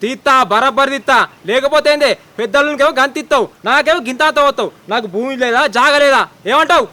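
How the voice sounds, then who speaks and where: A hot-tempered, greedy son-in-law with a Telangana accent, acted by a young man. He speaks very fast in a high, bright, sharp voice. He taunts in an aggressive way. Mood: angry. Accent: Telangana Telugu.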